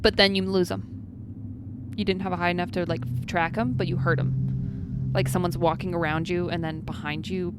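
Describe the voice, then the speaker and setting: A woman's voice: on the low side, level tone, normal speed, heavy background noise. A woman running a tabletop role-playing game, narrating the scene to her players as game master. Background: background music.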